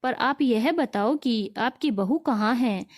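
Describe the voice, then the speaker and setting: A woman's voice: a little high, slow pace. A woman voicing a friendly, chatty middle-aged sister-in-law on a family visit.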